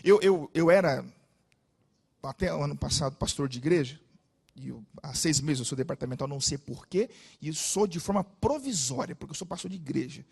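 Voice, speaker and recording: A man with a Brazilian Portuguese accent preaching a sermon as pastor, telling stories animatedly with loud emphases and soft asides. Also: a little high, lively intonation, fairly quick, creaky, husky.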